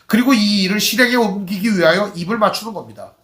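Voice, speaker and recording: Male pastor, fairly high voice, chatty preaching style full of questions to the room, roomy church sound. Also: fast, fairly bright tone. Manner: conversational preaching with rhetorical questions to the congregation. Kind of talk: sermon. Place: church sanctuary.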